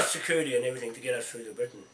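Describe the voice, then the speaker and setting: Recorded by a camera across a cluttered indoor room, this older New Zealander speaks on speakerphone while organising a group in a casual chat. He's croaky and coughing, with a bright, forceful, medium-pitched voice at a very fast pace, confident and repetitive with frequent restarts. The audio is roomy and distant, with faint noise.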